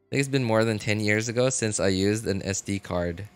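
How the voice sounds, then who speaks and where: A male streamer with a lowish, smooth voice talks fairly quickly in casual, rambling livestream chat. Conversational in manner, he argues his points and keeps checking in with short questions; music sits in the background.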